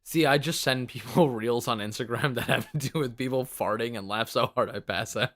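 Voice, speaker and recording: A man co-hosting a podcast, chatting playfully and quick to laugh. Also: mid-range voice, fairly bright tone. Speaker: podcast co-host. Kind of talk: casual comedic chat.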